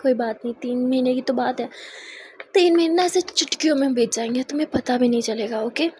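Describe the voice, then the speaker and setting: A woman's voice: high voice, brisk, dark tone, slight background noise, natural voice. A woman voicing a confident young woman who teases and coaxes her friend. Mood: teasing. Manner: teasing, coaxing, half-laughing.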